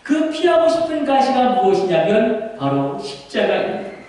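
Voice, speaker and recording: A man's voice: very high-pitched, big pitch swings, moderate pace, a little mellow. A male pastor preaching a sermon in a church, emphatic with dramatic sing-song rises. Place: church sanctuary. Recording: echoey church hall from far off.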